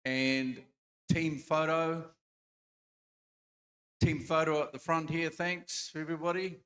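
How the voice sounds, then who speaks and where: A man acts as host at a conference, talking in an easy, improvised way and filling the pauses with ums and uhs. His voice sits a little higher than most men's. He calls up the next panel from the stage. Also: little pitch movement, fairly bright tone. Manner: loose, off-the-cuff, with frequent fillers. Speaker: event host. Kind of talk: conference emcee announcements.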